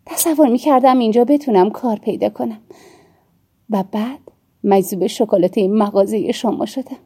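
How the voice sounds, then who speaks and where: A woman narrator voicing a friendly young woman stranger in an audiobook, speaking softly and low. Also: slightly rough. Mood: gentle. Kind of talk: audiobook character reading.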